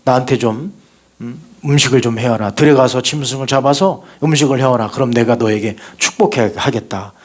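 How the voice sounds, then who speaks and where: A gruff, elderly father who can no longer see, speaking low and heavily, as a preacher puts him on. He gives plain fatherly orders in a deep, weighty voice. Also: a little fast, natural voice. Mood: commanding. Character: old blind father, doting on elder son.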